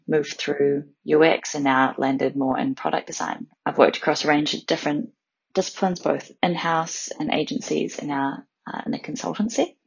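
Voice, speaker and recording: A woman with a broad New Zealand accent co-hosts a podcast in a casual way. Her voice is low and full of vocal fry, in a slightly muffled recording. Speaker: podcast co-host and product designer.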